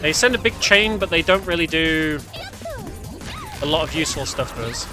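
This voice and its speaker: Commentating casually on his speedrun, a man hesitates a little and keeps revising his words. He's on the high side, animated and moderately paced, with game music and sounds behind his voice.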